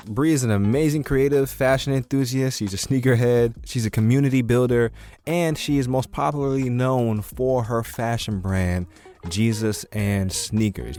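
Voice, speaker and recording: A man's voice: medium pitch, a little mellow. A man hosting a motivational podcast, talking informally and directly to listeners with slang and a slight lisp. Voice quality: slight lisp from wearing retainers. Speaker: podcast host and self-leadership coach. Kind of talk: podcast intro, motivational talk.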